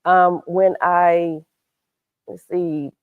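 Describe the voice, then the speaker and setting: A woman's voice: fairly low pitch, flat delivery, very slow, smooth, no echo. A woman in her fifties, a fitness coach and talk show guest, speaking enthusiastically with plenty of ums. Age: 50s. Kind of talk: casual interview chat. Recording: tinny phone-like sound.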